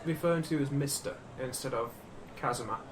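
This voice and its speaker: A man's voice: medium pitch, fast talker, slight background noise. A man co-hosting a let's play, chatting casually and teasing his partner with wry remarks. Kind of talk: casual gaming commentary.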